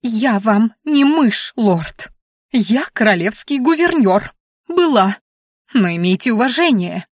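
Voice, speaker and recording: A tiny female creature squeals and carries on with theatrical alarm, as a woman reads her. The voice sits high and shrill, recorded dry and close for a storybook. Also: expressive, slow, dry recording. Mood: indignant. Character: shrill little female critter, dramatic ex-governess.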